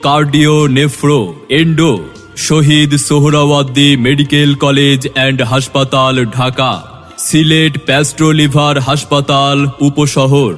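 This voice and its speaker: A male announcer giving a scripted promotional announcement over a PA loudspeaker, in a measured, declaiming delivery. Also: on the high side, monotone. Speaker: advertisement announcer. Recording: long reverb with music bed.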